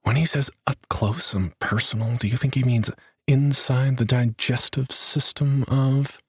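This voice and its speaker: A man's voice: medium pitch, fairly even intonation, unhurried, slightly rough, dry recording, pitched above the performer's own voice. A man voicing a young man who mutters dry, sarcastic complaints. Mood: sardonic. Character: wry, grumbling young man, reluctant adventurer.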